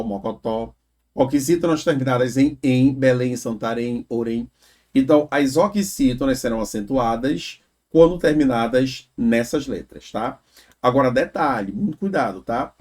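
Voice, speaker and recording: A man's voice: medium pitch, darkish tone. A man teaching an exam prep grammar lesson, explaining step by step and checking in with "né?" and "tá?". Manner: explains slowly, drawing out example words, frequent "né?" and "tá?".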